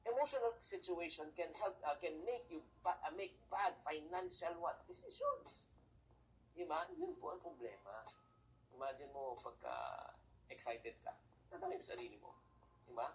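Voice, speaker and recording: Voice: mid-range voice, sing-song, normal speed, slight background noise, low-quality recording. A motivational speaker with a Filipino accent, switching between Tagalog and English, asking rhetorical questions and then answering them. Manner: checks in with the listener as if chatting. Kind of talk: motivational talk.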